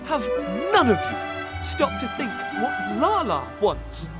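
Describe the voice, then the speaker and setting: A young hero prince in a game, blunt and loyal, unhurried, big swings in pitch, music loud under it. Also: male voice, exaggerated voice. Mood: indignant, exasperated. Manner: expressive, blunt, informal. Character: young prince, impulsive, outspoken, loyal adventurer. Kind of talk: video game cutscene voice acting.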